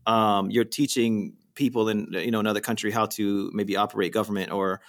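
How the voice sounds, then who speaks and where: A man's voice: on the low side, flat delivery, brisk. A man hosting a casual interview, talking informally in long, rambling questions that he interrupts himself. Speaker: interview host.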